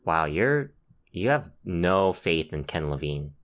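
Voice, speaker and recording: Podcast co-host, male, lowish nasal voice, laid-back, hesitant with lots of fillers. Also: slow. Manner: relaxed, hesitant with many fillers. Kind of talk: casual podcast chat.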